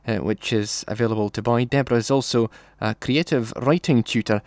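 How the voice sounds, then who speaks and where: A man's voice: mid-range voice, fairly even intonation, fairly quick, darkish tone. A man, putting questions to a guest as a radio interviewer.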